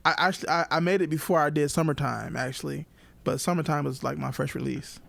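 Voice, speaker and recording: A young man co-hosting a podcast, talking casually and haltingly with frequent restarts and laughs. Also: a little high, steady tone, vocal fry, fairly bright tone. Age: young adult. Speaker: podcast co-host. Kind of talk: casual chat.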